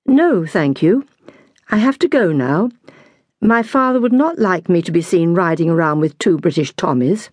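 With big swings around a medium pitch and a moderate pace, a woman voices a proud seventeen-year-old schoolgirl, pitching a little above her own natural voice. Her tone is cool, proud, and slightly mellow. The recording is dry, with clean studio sound.

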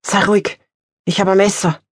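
A woman voicing a rough, menacing male kidnapper who hisses curt threats in an audiobook. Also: mid-range voice, moderate pace, no echo, studio quality. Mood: threatening.

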